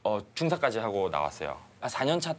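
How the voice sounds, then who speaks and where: Man, interview guest, low voice, fast, expressive, earnest, music behind. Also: slight background noise. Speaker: guest, tailor and shop owner. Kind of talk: casual interview.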